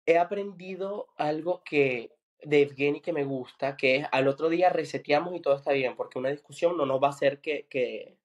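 Animated Venezuelan man telling stories. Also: on the high side, moderate pace. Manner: animated storytelling about his partner, quoting dialogue. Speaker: podcast co-host. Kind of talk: casual chat among friends.

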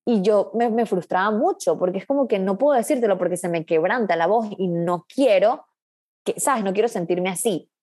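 A woman's voice: mid-range voice, normal speed, mellow, breathy edge. Earnest woman coach in an interview. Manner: earnest, reflective, many restarts. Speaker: coach, podcast guest. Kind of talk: casual interview talk.

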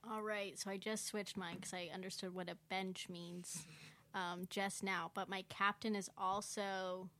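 A woman's voice: mid-range voice, flat delivery, measured pace, a bit bright, slight background noise. A young woman who is a podcast guest, chatting casually and giggling, with a lot of fillers. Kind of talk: casual chat.

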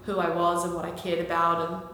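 A woman's voice: lowish voice, monotone, brisk, sharp tone. Kiwi woman talking in an echoey room. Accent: New Zealand. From New Zealand. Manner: chatty, with frequent ums and likes. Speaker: podcast guest. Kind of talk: casual conversational interview. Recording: echoey room with long reverb and faint hiss.

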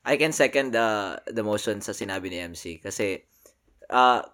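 A man's voice: on the low side, moderate pace. A young man co-hosting a casual podcast over drinks, talking animatedly and dropping English phrases into his speech. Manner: animated, mixes English into his talk, frequent agreeing interjections. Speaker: podcast co-host. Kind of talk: casual drinking-session chat.

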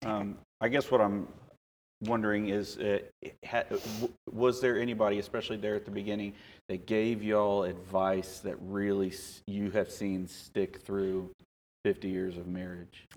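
Lowish-voiced man asking casual questions. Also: little pitch movement, a little slow, darkish tone, a little hiss or hum. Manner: tentative, rephrasing questions as he goes. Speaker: interviewer, son of the couple. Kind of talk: casual family interview.

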